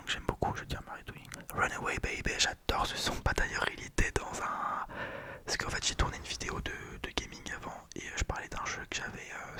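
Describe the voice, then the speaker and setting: Late at night, a tired young adult vlogger whispers through a rambling vinyl haul, often stopping to correct themselves.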